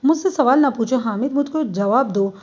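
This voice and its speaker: A woman voicing a stern, patient male police inspector who speaks in a measured, firm way. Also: on the high side, darkish tone, natural voice. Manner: measured, firm, rising to commanding. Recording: dull lo-fi.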